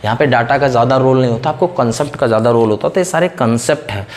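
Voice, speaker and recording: A man's voice: mid-range voice, rapid-fire. A man teaching a chemistry lecture in Hindi. He asks questions and then answers them himself, repeating the same pattern. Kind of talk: classroom lecture.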